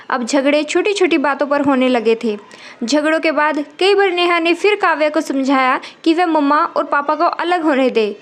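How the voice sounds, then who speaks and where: High-voiced woman reading a story. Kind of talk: scripted story narration.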